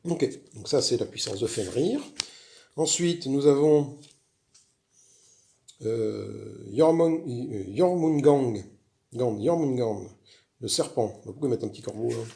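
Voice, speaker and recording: A man's voice: medium pitch, a little slow, creaky, pauses often, dark tone, slight background noise. A man chatting casually as he walks through a solo board game, rambling with frequent restarts. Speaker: board game video host.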